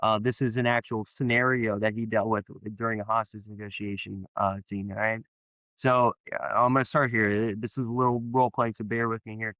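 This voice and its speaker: A man teaching a sales technique in a casual explainer video, talking in a halting way with many fillers and restarts. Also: lowish voice, little pitch movement, no echo, lo-fi sound. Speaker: sales trainer.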